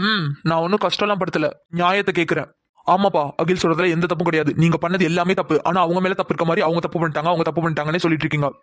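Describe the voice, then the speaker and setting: A man voicing the fathers and sons of an animated family drama, speaking in emotional family arguments. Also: a little high, very fast, no echo. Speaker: cartoon voice artist voicing several male family members.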